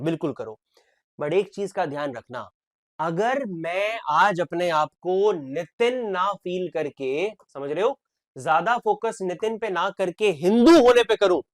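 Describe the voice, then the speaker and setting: High-voiced animated male teacher. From India. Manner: animated, emphatic, switches between Hindi and English. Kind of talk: online exam-prep lecture.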